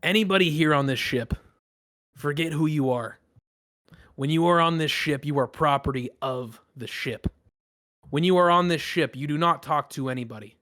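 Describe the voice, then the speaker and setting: A man voicing a cruel, domineering male pirate captain who barks orders and makes quiet threats. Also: fairly high pitch, moderate pace, no echo, clean studio sound, close to an everyday voice. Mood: commanding. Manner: barking commands, menacing.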